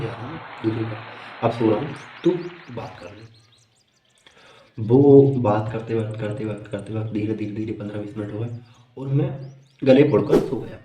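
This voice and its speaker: A man's voice: medium pitch, mellow, roomy sound, slight background noise. A man doing stand-up, telling a long comic story in a chatty, amused way. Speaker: stand-up comedian.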